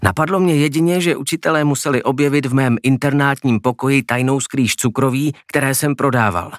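Audiobook narrator, male, expressive, mid-range voice, dry close recording. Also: medium pitch, no echo. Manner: expressive, acts out the characters.

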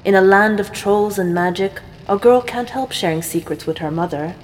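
Storybook narrator, woman, measured and expressive, reverberant room. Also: mid-range voice. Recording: reverberant room, faint noise.

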